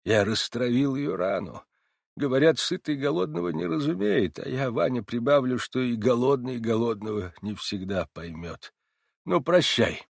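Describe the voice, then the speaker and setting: A man reading aloud and voicing a grieving, feverish old man who speaks softly and heavily. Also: mid-range voice, animated, normal speed, vocal fry, no echo, clean studio sound. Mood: weary.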